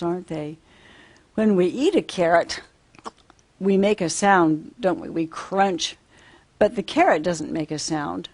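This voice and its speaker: A woman's voice: lowish voice, darkish tone. A woman teaching a simple children's lesson as if reading to a toddler, asking sing-song questions and repeating simple phrases.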